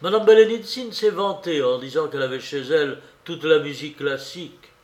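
A man's voice: fairly high pitch, a little fast, lightly acted. A man reading the part of a charming, self-pleased young amateur composer in a storybook reading, chattering eagerly. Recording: roomy echo.

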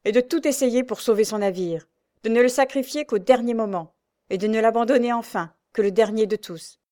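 A woman reading aloud as a stern, brave male ship captain, declaiming his orders loudly. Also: a little high, a little fast, close to an everyday voice. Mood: resolute.

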